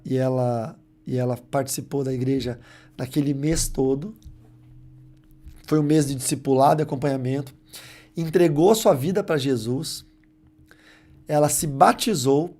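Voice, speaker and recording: A man preaching on a live show, telling a testimony in an animated, emphatic way and acting out the dialogue. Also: on the high side. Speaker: preacher on deliverance ministry.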